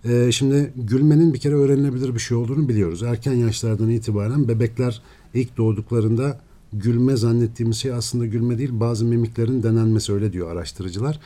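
Man explaining science in a dark voice. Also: medium pitch, fast talker. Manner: steady, lecturing explanations. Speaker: neuroscientist guest. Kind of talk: explanatory radio interview.

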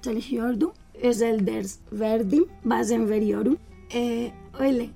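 A young woman with a Spanish accent gives an interview in a high, mellow voice. She speaks slowly in broken, halting foreigner's phrases, often correcting her own word endings as a non-native speaker. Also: vocal fry, faint music behind. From Spain, Valencia. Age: 20s. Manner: halting, broken foreigner's Turkish with grammar slips and self-corrections. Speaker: interview guest. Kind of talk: personal interview.

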